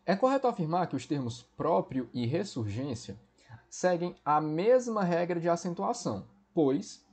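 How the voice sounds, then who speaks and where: Man, Portuguese teacher, exam-prep lesson, breathy tone, keeps asking if students follow. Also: fairly high pitch, sing-song, normal speed, darkish tone. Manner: explanatory, checks in often with "certo?" and "né?".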